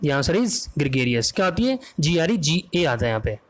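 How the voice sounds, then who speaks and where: A man teaching an online exam vocabulary lesson, quizzing students and spelling words out letter by letter in a brisk, coaxing way. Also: on the high side, sing-song.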